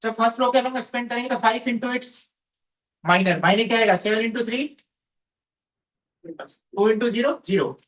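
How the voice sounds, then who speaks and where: In a classroom with a board, a man with a very high-pitched, slightly bright voice gives a math lecture at normal speed with long pauses. He repeats phrases, poses questions and answers them himself, and calls his students "beta".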